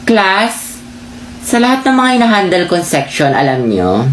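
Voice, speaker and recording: A woman's voice: on the low side, sing-song, measured pace, roomy sound, noisy background. A woman acting as a teacher scolding her class in a comedy skit. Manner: scolding, lecturing.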